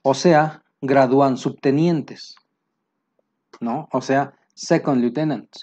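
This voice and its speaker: A man with a Mexican Spanish accent teaching military vocabulary, pausing to say each English term slowly and plainly. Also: medium pitch, steady tone, darkish tone, highs cut off. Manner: explains terms, slows down for English words. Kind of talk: vocabulary lesson.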